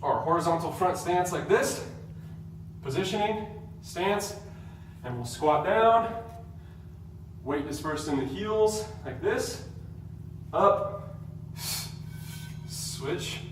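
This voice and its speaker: A man's voice: fairly high pitch, animated, takes it slowly, pauses often, slight background noise. A male fitness instructor teaching a workout tutorial, cueing steps in short commands and sometimes out of breath. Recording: very echoey room, mic far off.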